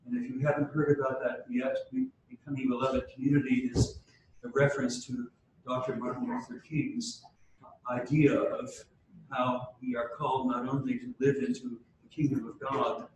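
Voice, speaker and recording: A man leading a church gathering, speaking formally and praying in a measured way, with a cathedral echo around his voice. He sometimes stumbles into halting restarts. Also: medium pitch, fairly even intonation, a little hiss or hum. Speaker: church leader opening a diocesan meeting. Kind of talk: formal address and liturgical prayer. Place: large church hall. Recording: cavernous church echo from a distant mic.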